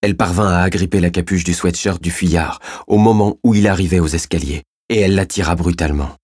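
Measured male storyteller with a very deep, husky voice and a dry, close sound. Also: fairly even intonation, darkish tone, dry recording. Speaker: audiobook narrator. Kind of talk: scripted narration.

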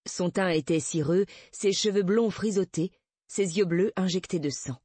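A woman reading an audiobook as narrator, in an even, measured way, close to the microphone. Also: lowish voice, no echo. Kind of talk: scripted narration.

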